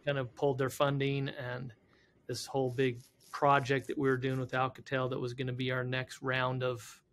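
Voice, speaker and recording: A man's voice: medium pitch, normal speed. A man in his fifties, a company CEO telling stories as a podcast guest. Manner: animated storyteller, acts out quoted people. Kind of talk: casual interview storytelling.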